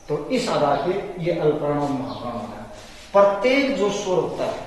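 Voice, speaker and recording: A man teaching Hindi grammar in a classroom-style lecture, explaining patiently and repeating terms slowly for his students. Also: a little high, slight background noise. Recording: echoey room from far off.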